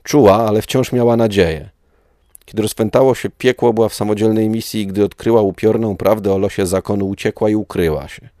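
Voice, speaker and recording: A man narrating a dramatic adventure story in a steady reading voice. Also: fairly low pitch, brisk, dry recording, studio quality.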